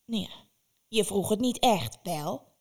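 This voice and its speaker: A woman voicing a cruel old witch who mocks and threatens in slow, drawn-out words. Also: medium pitch, animated. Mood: mocking.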